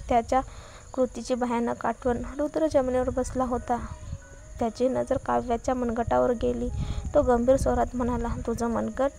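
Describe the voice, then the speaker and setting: A woman narrating a serial romance story in an even, flat reading voice. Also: a little high, vocal fry.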